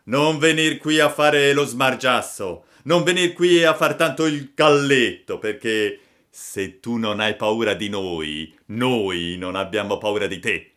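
A man's voice: lowish voice, slow pace, fairly bright tone. A man voicing a gang of bullying schoolboys in a storybook reading, taunting and threatening.

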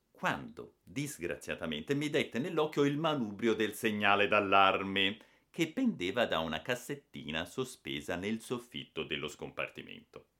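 Expressive male storybook reader with a bright tone and animated pitch. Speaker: narrator. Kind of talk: audiobook reading.

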